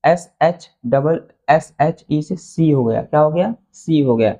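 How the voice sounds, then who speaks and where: A man whose first language is Hindi, speaking with a Hindi accent, teaches beginners English phonics, spelling letters out slowly and repeating each answer. His voice is a little high and mellow.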